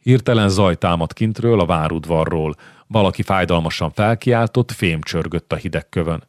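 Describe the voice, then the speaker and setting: A man narrating a historical novel in a measured, dramatic way. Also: low voice, dry recording, clean studio sound. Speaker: audiobook narrator.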